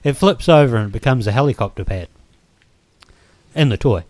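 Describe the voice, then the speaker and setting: A man's voice: medium pitch, expressive, a little fast, darkish tone, no room sound. A man with a New Zealand accent, hosting a let's play and rambling hesitantly between game moments, with plenty of ums and restarts. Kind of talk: casual gameplay commentary.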